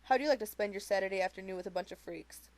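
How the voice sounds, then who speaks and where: A woman's voice: mid-range voice, racing, darkish tone, lightly acted. Woman voicing a wisecracking teen girl, rambling, restarting sentences, novel read aloud. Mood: wry. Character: wisecracking, shaky teenage girl in treatment.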